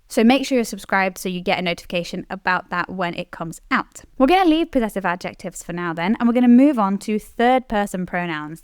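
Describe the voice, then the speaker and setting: A woman explaining Latin grammar in a scripted lesson, clearly stressing the key words. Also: medium pitch, dry recording, clean studio sound. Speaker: Latin teacher.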